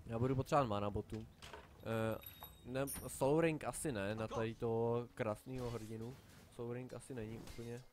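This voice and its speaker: A young man with a Czech accent, commentating his own online game in a chatty way, dropping English swears and yelling in sudden panic. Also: medium pitch, fairly even intonation, a little hiss or hum. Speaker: gameplay commentator.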